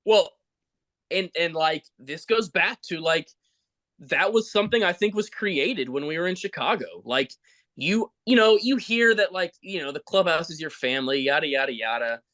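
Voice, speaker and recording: A man's voice: on the high side, lively intonation, moderate pace, bright, forceful tone. A man hosting a podcast, giving earnest, heartfelt praise in casual chat. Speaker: podcast host.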